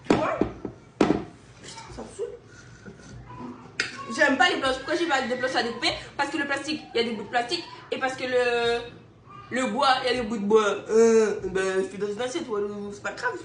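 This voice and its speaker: A woman's voice: on the high side, moderate pace, pauses often, fairly bright tone, slight background noise. A young woman from Guadeloupe, a mother animatedly telling a friend a story over a phone video call, laughing often and checking "you see?". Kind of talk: casual storytelling chat. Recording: roomy echo in a home room.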